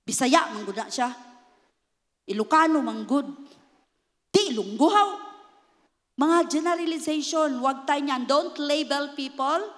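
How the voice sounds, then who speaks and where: High-voiced Filipino woman pastor, slow sermon. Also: a bit bright. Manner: mixes English with Filipino, leads the congregation in call-and-response. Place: church sanctuary. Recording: echoey church hall.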